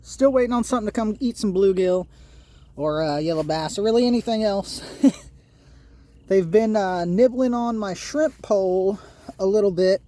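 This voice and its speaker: High-pitched dude fishing a river at night, gets all hyped, cusses and laughs a bunch. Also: male voice, normal speed, a little hiss or hum. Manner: excitable, swears a lot, laughs often. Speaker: angler filming his night fishing. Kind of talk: casual fishing vlog chat.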